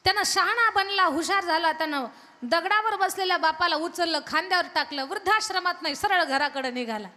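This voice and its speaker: Tell the devotional story in a high, bright voice, hammering each phrase rhythmically as a woman preaching a kirtan, with the sound carrying long reverb through the hall. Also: fairly quick. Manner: emphatic, rhythmic listing of phrases. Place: large temple hall, live event.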